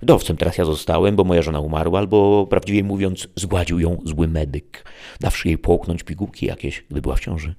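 A man's voice: deep voice, a little fast, dark tone. A man voicing a simple, long-winded village peasant who speaks meekly and deferentially. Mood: earnest. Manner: meek, rambling, deferential.

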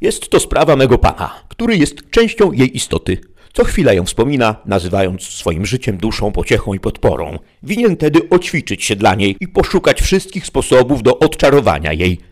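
A man's voice: medium pitch, big pitch swings, moderate pace, pitched above the performer's own voice. A man voicing a coarse, stubborn peasant squire who talks in indignant bluster. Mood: indignant protest.

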